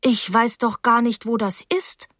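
A woman's voice: on the high side, fairly even intonation, measured pace, fairly bright tone, dry recording. Female reader voicing an awkward teen schoolgirl, eager and flustered, dry studio sound. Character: awkward, gushing seventeen-year-old schoolgirl.

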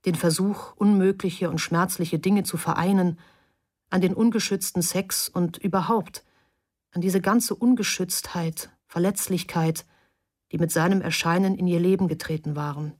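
A woman narrates a novel aloud in a calm, inward way. Her voice is husky and sits a little low. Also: moderate pace. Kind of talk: audiobook narration.

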